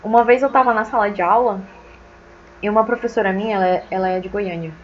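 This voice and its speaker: Woman teacher, Acre accent, chatty and opinionated, mid-pitched, slightly muffled lo-fi audio with faint noise. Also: fast talker. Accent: Acre Brazilian Portuguese. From Acre, Brazil. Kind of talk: casual online lecture.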